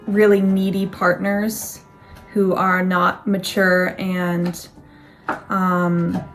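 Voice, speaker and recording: A young woman in casual chat, thinking aloud in a reflective, rambling way with restarts. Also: lowish voice. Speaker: co-host.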